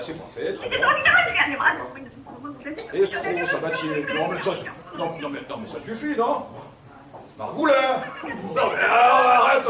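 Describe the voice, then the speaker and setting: An exasperated, harried husband. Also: male voice, sits high, noisy background. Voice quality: exasperated, bursts into shouts. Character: harried middle-aged man bickering on phone. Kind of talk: stage farce acting. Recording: roomy stage sound from far off, loud audience.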